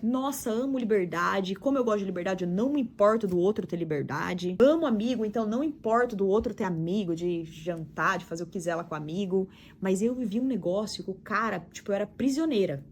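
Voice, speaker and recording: A woman's voice: mid-range voice, expressive, brisk, few pauses, a little hiss or hum. A woman with a Brazilian Portuguese accent, a vlogger telling a personal story in a candid, emphatic way as she talks straight to her viewers.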